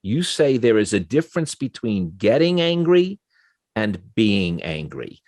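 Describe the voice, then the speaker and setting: A man's voice: fairly low pitch, big pitch swings, unhurried, a little mellow, no echo. A man with a New York accent hosting an interview, asking earnest, admiring questions. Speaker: interview host.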